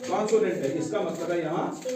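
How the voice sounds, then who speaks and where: A man's voice: high-pitched, fairly quick, crowd noise. A male English teacher giving a classroom lesson, quizzing his students with repeated call-and-response questions. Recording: very echoey room, mic far off, faint noise.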